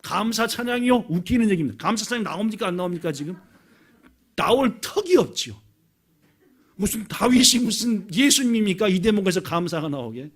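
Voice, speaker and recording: Male pastor mid-sermon, high and lively pitch, theatrical delivery with rhetorical questions. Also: quick pace, few pauses. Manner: dramatic, swings from loud cries to hushed tones; asks the congregation questions.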